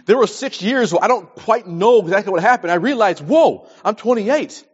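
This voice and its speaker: This preacher in his early forties has a high, husky voice and speaks with animation at a normal speed. He reads scripture and gives plain advice, emphasizing points by repeating phrases. The audio is dull and lo-fi.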